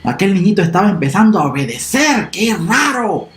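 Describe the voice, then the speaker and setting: An animated children's storyteller whose pitch leaps up and down. The voice speaks straight to young listeners, recorded in an echoey room. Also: fairly quick. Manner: animated, expressive, talks to children directly.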